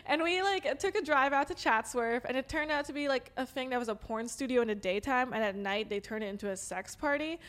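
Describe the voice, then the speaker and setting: Guest: giggly Valley girl woman, high bright voice, candid chatter. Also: brisk, few pauses. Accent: Southern California Valley girl. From Los Angeles, USA. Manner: giggly, bubbly, heavy use of "like". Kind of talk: candid casual chat.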